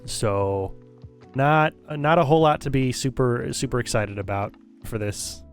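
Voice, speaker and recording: A man's voice: mid-range voice, measured pace. A man delivers a critical, opinionated rant in the loose style of a live stream. He repeats and restarts phrases as he thinks aloud. Faint background music plays behind his voice. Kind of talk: casual livestream commentary.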